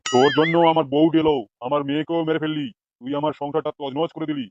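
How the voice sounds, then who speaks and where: A man's voice: fairly high pitch, steady tone, no room sound, dull audio. Man voicing a vengeful, menacing cartoon politician. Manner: threatening, rapid. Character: vengeful male politician, ruthless captor. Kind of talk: comic cartoon dub.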